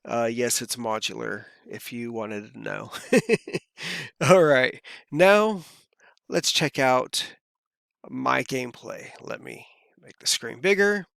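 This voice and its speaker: Speaking slowly and expressively, a Californian man vlogs about crypto straight to camera, relaxed and meandering with plenty of fillers. His medium-pitched voice sounds creaky, fairly bright, and somewhat worn, recorded cleanly in a studio with no echo.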